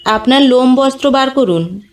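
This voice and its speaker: A woman's voice: high voice, normal speed, voice pushed up, lightly acted. A woman voicing a proper old town widow. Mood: brisk, insistent. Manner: polished, precise, lightly insistent. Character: refined elderly town widow, brisk and proper. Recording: distant mic, faint background music.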